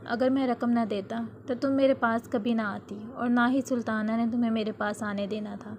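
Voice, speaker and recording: Lady reading out a sweet earnest young husband, pleading and tender, a bit high. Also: fairly even intonation, darkish tone, a little hiss or hum, natural voice.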